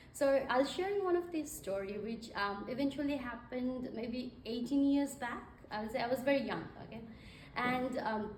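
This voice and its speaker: With a fairly high pitch, a young woman from Nepal speaks as a guest at an event, her conversational delivery packed with fillers. The hall sounds echoey and distant, and there is slight background noise.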